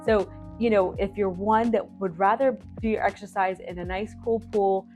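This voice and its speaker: A woman's voice: mid-range voice, steady tone, normal speed, a little mellow, soft background music. A woman from Florida giving a chatty, casual walkthrough of neighborhoods as a real estate vlogger, with informal asides.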